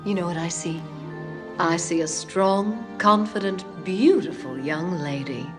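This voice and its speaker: An actress playing a vain, manipulative animated mother who sounds falsely loving, theatrical and passive-aggressive. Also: on the low side, measured pace, over music, close to an everyday voice. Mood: falsely sweet, teasing. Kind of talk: animated film voice acting.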